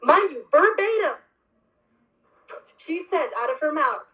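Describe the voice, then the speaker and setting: A young woman hosting a casual chat, telling a story in an animated, emphatic and heavily profane way. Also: high-pitched, takes it slowly, poor audio. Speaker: host.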